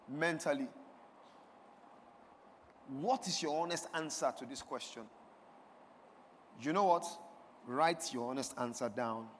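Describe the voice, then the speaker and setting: A pastor with a high voice preaches a sermon in a church sanctuary, leading his congregation in call-and-response and swelling into emphatic declarations. The recording carries a little hiss or hum and the long reverb of a large hall.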